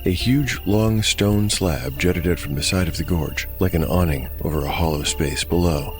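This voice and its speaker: A deep-voiced man acting as game master narrates a dark fantasy tale in measured, scripted storytelling over soft music.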